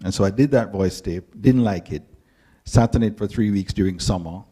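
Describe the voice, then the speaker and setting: A Jamaican man, a panel guest, telling animated stories and acting out quotes. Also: lowish voice, normal speed, breathy edge. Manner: animated storyteller, acts out quotes. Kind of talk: storytelling panel talk.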